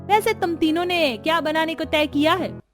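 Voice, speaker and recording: A woman voicing a humble, gentle older mother-in-law in a cartoon, earnest and pleading. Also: extremely high pitch, normal speed, faint music behind, pitched above the performer's own voice.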